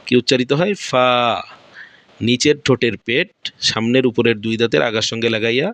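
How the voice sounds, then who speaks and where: A man with a Bangladeshi Bengali accent teaches Quran recitation pronunciation step by step, repeating each point and answering his own questions. His voice is medium-pitched, fast, and a bit bright, with no echo.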